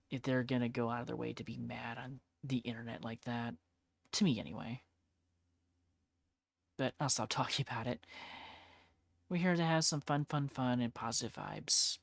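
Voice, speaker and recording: A woman's voice: a bass voice, vocal fry, no echo, studio quality. A woman streamer in casual chat while painting miniatures, chatty, laughing often and blunt, with plenty of swearing.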